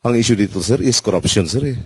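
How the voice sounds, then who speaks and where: A man's voice: on the low side, fast, slightly rough, no room sound. A man, a former soldier, speaking earnestly and deferentially while explaining his decision. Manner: earnest, deferential, peppers speech with sir.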